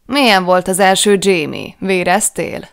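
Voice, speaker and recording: A woman voicing a coarse, mocking male clansman with a deep voice who shouts bawdy teasing, read for an audiobook. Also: lively intonation, gravelly, clear, resonant tone.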